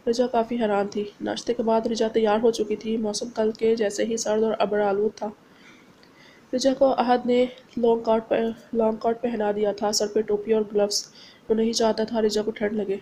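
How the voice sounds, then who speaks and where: A woman narrating a romance novel aloud at an even, steady pace. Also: mid-range voice, creaky, a little hiss or hum. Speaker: audiobook narrator. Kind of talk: novel reading.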